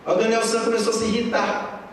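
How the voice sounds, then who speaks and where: A man's voice: high-pitched, completely flat delivery, fast, slight background noise. A man with a Brazilian Portuguese accent preaching at a youth congress, retelling film scenes with acted voices and sound effects. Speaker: pastor. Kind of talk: animated sermon. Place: church hall at a youth congress. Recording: echoey hall from far off.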